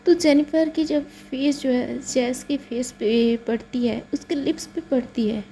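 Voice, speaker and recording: Indian woman telling a love story, high but mellow voice, lots of fillers. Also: measured pace, a little hiss or hum, rough recording. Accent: Hindi-speaking Indian. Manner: repetitive, filler-laden retelling. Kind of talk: casual spoken story narration.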